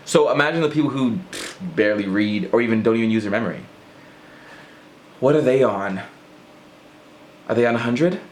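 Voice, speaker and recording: A man's voice: medium pitch, fairly quick, pauses often, slight background noise. A man vlogging in a casual rant to camera, rambling and self-mocking as he jumps between thoughts.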